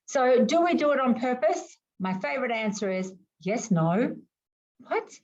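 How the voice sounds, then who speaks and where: A woman who grew up speaking Greek and Arabic teaches an online class over a video call, lively and emphatic, full of rhetorical questions. Her voice sits a little high, her pace is unhurried, and the sound is lo-fi.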